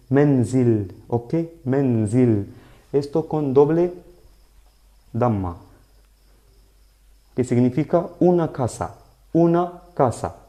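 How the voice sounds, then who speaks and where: A man teaching a live online lesson in Spanish, explaining slowly and patiently and often checking that his students follow. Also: medium pitch, mellow. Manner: slow, patient explaining with frequent "¿vale?" checks. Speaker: Arabic teacher.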